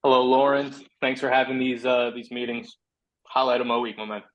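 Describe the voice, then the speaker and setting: Male attendee, monotone delivery, casual introduction over a video call. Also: medium pitch, highs cut off. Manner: casual, with "um" pauses. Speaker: attendee, multifamily investor.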